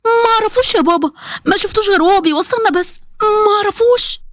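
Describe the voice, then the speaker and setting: A woman's voice: sits high, racing, dry recording, studio quality, lightly acted. A woman voicing a sheltered, shy young woman with an Egyptian accent, timid and pleading. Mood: frightened. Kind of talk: storybook voice acting.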